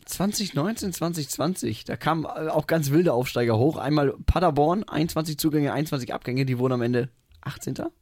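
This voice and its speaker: A man's voice: on the high side, fairly quick, a little mellow, no room sound. A man co-hosting a podcast in casual chat, reeling off numbers and dropping dry jokes. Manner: dry joking, reels off stats. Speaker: podcast co-host.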